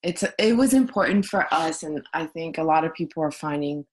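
A woman from Belgium with a notably low voice. She speaks as a podcast guest in casual conversation, searching for words with frequent pauses and fillers. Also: expressive, poor audio. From Brussels, Belgium.

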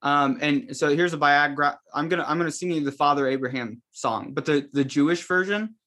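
This podcast guest is a young seminary student from around Seattle, Washington, chatting casually on video and cracking jokes at his own expense. He speaks a little high and fairly quickly, with a pushed, bright tone.

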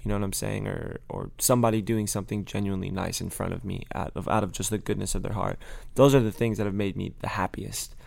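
A man's voice: fairly low pitch, steady tone, quick pace, creaky, a little mellow, no room sound. A young man from Michigan, a musician guest, talking in a loose, chatty way on a podcast. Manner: loose and chatty, lots of likes. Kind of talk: casual podcast interview.

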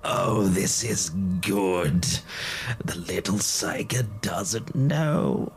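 Mocking heretic villain, played by a man, low dark whisper from the shadows, very unhurried, gloating. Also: animated, full character voice. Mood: gleeful taunting. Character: taunting male heretic hidden in the shadows.

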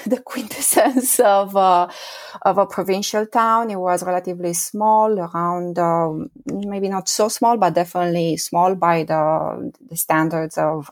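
A woman in her forties from Romania, with a Romanian accent, answering interview questions as a history professor, hesitant with many fillers and restarts. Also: fairly low pitch. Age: 40s.

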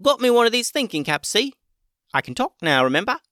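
A man voicing a cheeky little male talking guinea pig in a storybook, with slangy, quick chatter. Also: very high-pitched, sing-song, bright, forceful tone, no room sound, studio quality, voice pushed up, full character voice.

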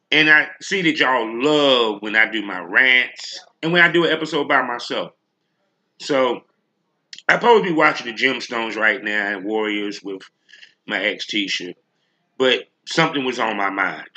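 A man with a very bright, forceful voice at a middling pitch hosts a solo show. He rants straight to his listeners in blunt, slangy language, swearing freely and leaning hard on his points. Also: dull audio. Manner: blunt, profane, slangy, emphatic. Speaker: podcast host.

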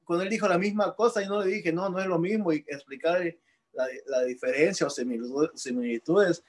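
A man's voice: a little high, fairly quick. A man from Peru, a painter, telling a personal story in an interview, slipping into English words and often restarting his sentences.

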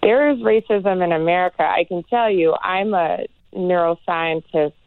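Guest expert, woman, neuroscience professor, earnest and measured, lowish voice, narrow phone-line sound. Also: no echo. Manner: earnest, measured, many "you know" fillers. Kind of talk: interview answers.

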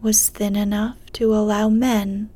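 A woman reading a story aloud in a soft, unhurried ASMR whisper. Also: medium pitch, flat delivery.

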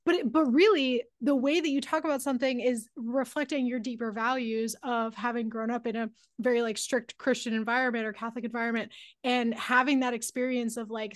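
A woman's voice: on the high side, steady tone, a little fast, no room sound, studio quality. A woman hosting a podcast, asking rambling, enthusiastic questions and going off on tangents in casual conversation. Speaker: podcast host.

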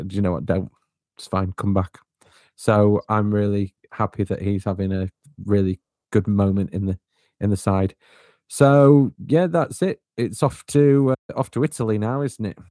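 Man, podcast host; low voice, dry close mic, chatty and teasing. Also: warm tone, no echo. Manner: chatty, hands the floor to others, teasing. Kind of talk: casual football podcast chat.

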